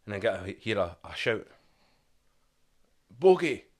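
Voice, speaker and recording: A man with an Edinburgh Scottish accent, a podcast guest telling a lively, profane story and acting out shouted quotes. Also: lowish voice, fast. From Scotland. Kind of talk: casual storytelling.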